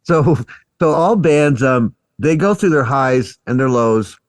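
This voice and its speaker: An easygoing male host puts his questions to a guest at a relaxed pace and laughs along with him. The voice sits at an ordinary pitch for a man and the sound is dry and close. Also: takes it slowly, no room sound. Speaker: podcast host, interviewer. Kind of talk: interview questions.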